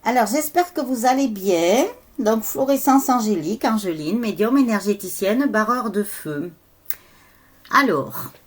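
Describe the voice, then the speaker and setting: A woman medium giving casual spiritual guidance, chatty and rambling with many fillers. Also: sits low. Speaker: medium and energy healer.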